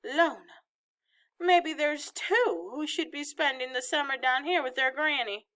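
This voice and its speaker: A woman's voice: sits high, unhurried, voice pushed up. A woman voicing a feisty, bossy, affectionate old Southern grandmother in a storybook reading, with a folksy, exclaiming manner. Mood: brisk, bossy. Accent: Southern American. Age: elderly. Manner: folksy, scolding, loudly exclaiming.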